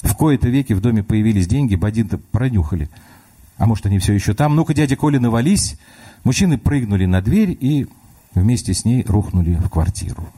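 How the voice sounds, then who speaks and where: A man reading his own humorous story aloud on radio, expressive and lively. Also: lowish voice, fairly quick, breathy edge. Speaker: author reading his stories. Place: radio studio.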